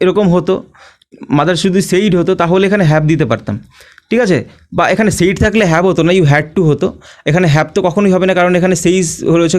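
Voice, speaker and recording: Bengali-accented young man, english exam tutor, slow careful reading, slightly high voice. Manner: explains in Bengali, reads English slowly. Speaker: English teacher. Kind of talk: exam prep lesson.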